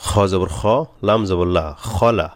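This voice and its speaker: A man teaching Quran reading, slowly spelling out Arabic letters and drilling the long vowels with patient repetition. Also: low-pitched, darkish tone, no room sound.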